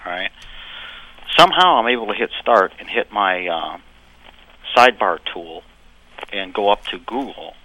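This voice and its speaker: A man from Ohio calls in to a radio show over a landline phone, explaining a problem in a halting way with many ums and checking okays. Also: lowish voice, expressive, muffled recording. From Ohio, USA. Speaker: caller. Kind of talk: call-in radio caller describing a computer problem.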